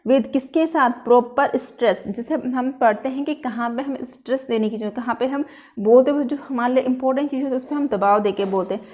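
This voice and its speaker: A woman teacher giving a lecture, who explains step by step and reads English phrases slowly, then restates them, with an Indian English accent. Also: sits high, darkish tone. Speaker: teacher explaining a lesson plan. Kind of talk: classroom-style lecture.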